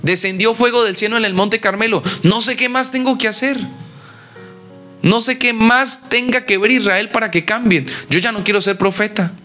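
A man's voice: high voice, fairly even intonation, moderate pace, bright, forceful tone, faint music behind, voice pushed up. A man voicing a weary, despairing male prophet who pleads with God in a raised, strained voice.

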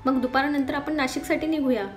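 A woman's voice: high-pitched, fairly even intonation, fairly quick, soft background music, close to an everyday voice. A woman voicing a playful young man who boasts and teases his sister, read in a storybook telling. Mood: teasing. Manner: boastful, teasing.

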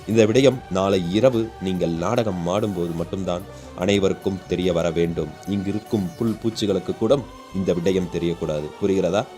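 A man's voice: deep voice, normal speed, dark tone, soft background music, lightly acted. A man doing a firm, commanding king.

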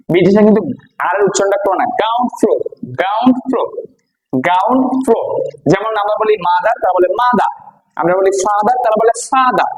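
An English teacher from Bangladesh with a high voice drills vocabulary in a classroom-style lesson. He repeats each word and quizzes his listeners with questions. The sound is lo-fi.

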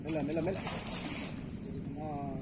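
A man helping land a fish, calling out quick directions outdoors, picked up from a distance by a phone. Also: on the high side, steady tone, background noise. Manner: shouts quick directions while landing the fish. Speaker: fishing companion. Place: outdoors on a canal bridge. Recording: distant phone audio among a talking group.

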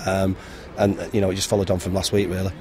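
A man, a football manager giving a frank post-match interview by the pitch, with many ums and restarts. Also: completely flat delivery, fast talker, darkish tone. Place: outdoors beside a football pitch. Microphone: handheld interviewer mic held to him.

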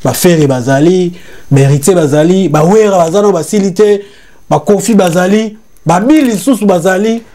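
A man's voice: high-pitched, moderate pace, mellow. A young man from Congo speaking emphatically on a TV studio talk show, mixing French and Lingala. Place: TV studio with grey sofa.

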